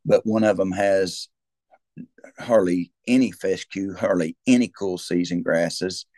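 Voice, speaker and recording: A man's voice: low-pitched, steady tone, measured pace, warm tone, no echo. A man with a rural Southern US accent talking as a cattle rancher, explaining things conversationally in a folksy, rambling way with repeated words and restarts. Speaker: cattle rancher, interview guest.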